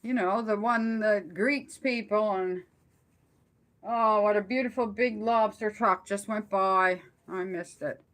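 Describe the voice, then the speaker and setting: A middle-aged or older woman with a medium-pitched, slightly bright voice chats on a live stream in a rambling, halting way, drifting off mid-thought.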